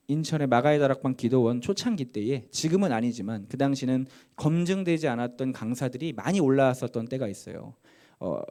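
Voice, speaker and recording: A man preaching a sermon as pastor, telling a personal testimony, dropping to soft asides and rising to loud emphatic peaks. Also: fairly high pitch. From South Korea. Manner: storytelling testimony with dramatic acted quotes.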